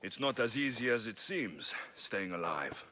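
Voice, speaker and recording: A man's voice: fairly low pitch, big pitch swings, unhurried, pushed and bright, slight background noise, heavily acted. An actor playing a grieving male Greek mercenary hero in a video game, speaking in a subdued, somber way. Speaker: game protagonist. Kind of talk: video game cutscene acting.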